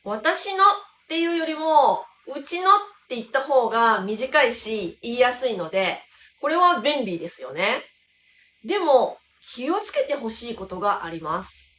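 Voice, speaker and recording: A woman from the Kansai region of Japan, a language teacher giving an explanatory lesson and slowing down to stress key words. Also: on the high side, very animated, fairly bright tone. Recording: roomy echo.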